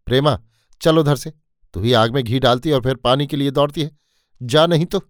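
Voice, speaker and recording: A hot-headed young husband who talks bluntly and shouts, played by the storyteller. A plain male voice, dry and close to the mic. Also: medium pitch, normal speed, dry recording, natural voice. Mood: angry.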